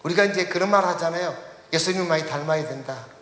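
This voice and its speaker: A man's voice: fairly high pitch, fast, fairly bright tone. A male pastor preaching a sermon, putting questions to the congregation and leading them through reading the text aloud. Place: church sanctuary. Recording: echoey church hall reverb.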